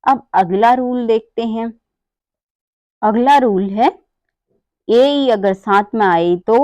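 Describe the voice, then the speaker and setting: A woman's voice: a little high, mellow, dry recording. A woman teaches English pronunciation rules, spelling words out letter by letter and asking and answering her own questions. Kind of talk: slow spelling-out lesson.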